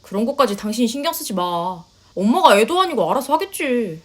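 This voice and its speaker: A woman voicing a blunt, self-assured young husband in a lowered, matter-of-fact voice, in a story reading. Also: big pitch swings, fairly quick. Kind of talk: storytelling voice acting.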